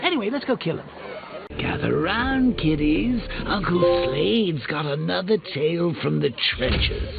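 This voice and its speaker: A gleefully sadistic clown supervillain for a video game. His voice swings widely and drags out words in slow, mocking taunts. The sound is dull and muffled, with music behind it. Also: on the high side, expressive. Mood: amused mockery. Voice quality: theatrical, creaky cackling voice. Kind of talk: theatrical video game villain acting.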